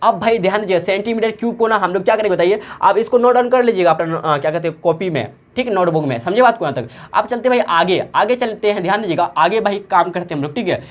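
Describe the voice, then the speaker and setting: A woman's voice: mid-range voice, animated, fast, hardly any pauses. A woman math teacher with a Bihari Hindi accent, working through sums in a classroom lesson and answering her own repeated questions. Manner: asks questions and answers them herself, repeats every step.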